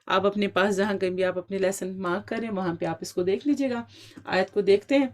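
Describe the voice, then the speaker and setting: A woman teaches a Quran recitation class online. She quizzes her students and praises their answers as she goes, with English words mixed into her Urdu. Her voice sits at a middle pitch for a woman. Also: steady tone.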